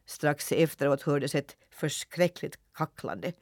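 A man's voice: fairly high pitch, dry recording, clean studio sound. Man reading a radio storybook. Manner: lively, expressive narration.

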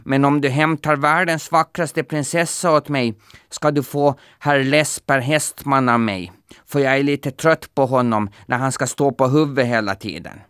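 A man's voice: medium pitch, fairly bright tone, smooth, dry recording, studio quality, voice pushed up, natural voice. A man voicing a fussy, grumbling king in a children's folktale. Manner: fussy, complaining.

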